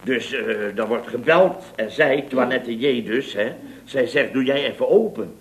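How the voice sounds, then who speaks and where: In an old Dutch radio comedy, a man plays a blustering, indignant builder boss who tells tall stories with theatrical flair. His delivery is exclamatory, full of repeated tag words, in a mid-range voice at a measured pace, lightly acted.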